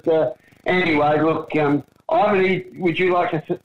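A man's voice: a little high, steady tone, normal speed. An Australian man co-hosting a casual chat in a rambling, hesitant, matey way, recorded with dull lo-fi sound. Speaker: co-host.

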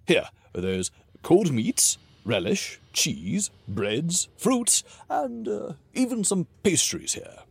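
A man voicing a boisterous, jovial male dwarf king who booms and talks with excitement. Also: slow, gravelly, hardly any pauses, slightly rough, no room sound, full character voice. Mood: eager host. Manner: booming, exuberant, excitable.

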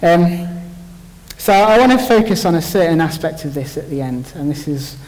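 A man's voice: a little high, lively intonation, moderate pace, a little mellow. Chatty man, echoing hall. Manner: chatty, jokey, thinks aloud with restarts. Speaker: church speaker. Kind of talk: informal Bible talk. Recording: long hall reverb.

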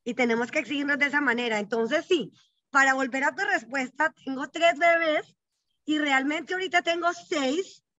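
A woman's voice: high-pitched, normal speed, pushed and bright, no room sound, dull audio. A woman in her thirties, a guest in an interview, telling her story in an earnest, emphatic way and often checking in with the listener. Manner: emphatic, repeats questions like "¿cierto?".

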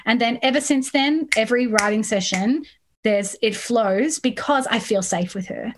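A woman in her thirties, a songwriter being interviewed, talking in a chatty, animated way with frequent laughs. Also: on the high side, normal speed, background noise. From Australia. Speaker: songwriter guest. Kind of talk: casual interview chat.

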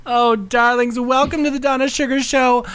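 A man putting on a high, theatrical diva hostess. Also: level tone, normal speed, a bit bright, clear, resonant tone. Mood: tipsy, gleeful. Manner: gushing, theatrical, addresses listeners as darlings. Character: flamboyant campy diva podcast hostess, theatrical and self-adoring. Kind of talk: exaggerated show intro and greeting.

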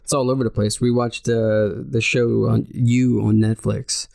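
Gravelly man in his late thirties. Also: mid-range voice, level tone, measured pace, a little mellow. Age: 30s. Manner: rambling, heavy on "like" and "you know". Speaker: podcast guest, comedian. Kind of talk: casual chat.

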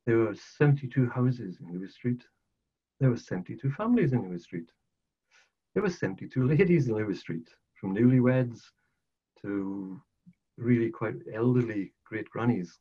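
In a husky, medium-pitched voice, animated and at a moderate pace, an older man with a South Wales accent shares his life story as a podcast guest. He's earnest and repeats phrases for emphasis in this casual storytelling interview, and the lo-fi audio sounds dull.

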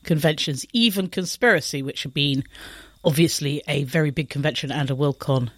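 A woman in her fifties, a guest on a podcast, telling anecdotes in a brisk, casual way. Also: sits low, dry recording. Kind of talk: casual conversational chat.

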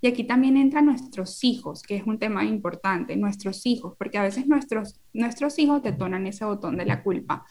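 A woman's voice: medium pitch, normal speed, hardly any pauses, a little mellow. A woman in her thirties, a parenting educator and podcast guest, explaining earnestly through everyday examples.

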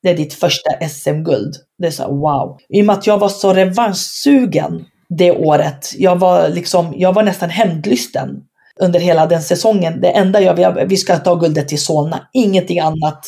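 A woman's voice: fairly low pitch, creaky. A woman, a former basketball player, telling her story in an interview with frank emphasis and acting out past conversations. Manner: animated, acts out past dialogue in her stories.

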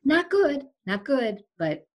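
Speaking slowly in a high-pitched voice, a Sri Lankan woman in her forties chats casually as an interview guest over a remote call. A longtime broadcaster who also hosts a podcast, she's frank, emphatic, and tells stories with plenty of animation.

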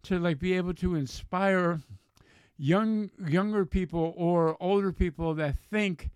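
A man's voice: high-pitched, a little slow, a little mellow, clear, resonant tone, no room sound. A man in his seventies chatting as an interview guest, telling stories in the blunt, folksy, plain-spoken way of an old sailor. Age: 70s. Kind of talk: casual chat, storytelling.

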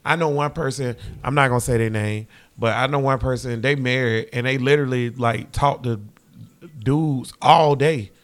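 A man's voice: medium pitch, fairly even intonation, normal speed. A man hosting a casual chat, teasing and laughing as he talks in loose slang.

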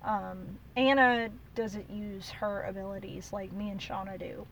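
A woman's voice: medium pitch, fairly even intonation, measured pace, fairly bright tone. A woman chatting earnestly about her family's gift with spirits, recorded in a parked car. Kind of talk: casual chat. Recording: distant mic with faint ambient noise.

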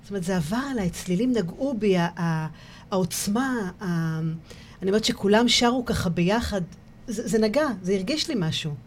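A woman's voice: mid-range voice, lively intonation, slight background noise. A woman with an Israeli accent interviewing a guest, searching for her words with many fillers as she builds her questions. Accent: Israeli Hebrew.

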